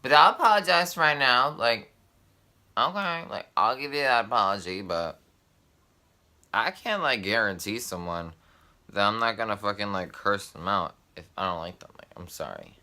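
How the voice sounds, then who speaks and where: Young guy vlogger, casual storytime, bright edgy tone, heavy swearing, filler-heavy, mimics others in quotes. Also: fairly low pitch, sing-song, moderate pace. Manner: heavy cursing, constant "like" fillers; mimics friend's voice when quoting.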